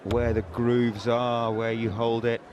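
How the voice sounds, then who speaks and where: A man's voice: medium pitch, flat delivery, slow pace, muffled recording. A man giving live darts commentary and putting questions to his co-commentator. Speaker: sports commentator. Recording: crowd and clear background noise.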